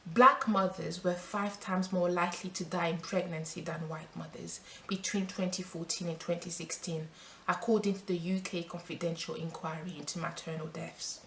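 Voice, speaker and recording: A French woman vlogs earnestly to camera, first reading statistics, then speaking freely with emphatic restarts. Her fairly low, slightly bright voice holds a steady tone at moderate pace, in a roomy recording with faint background noise.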